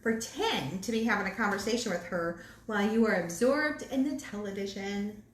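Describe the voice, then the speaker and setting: A woman co-hosting a ministry program talks casually about marriage in a mid-range voice, quick and chatty, calling herself a chatterbox. The conversation is recorded in an echoey room with faint background noise.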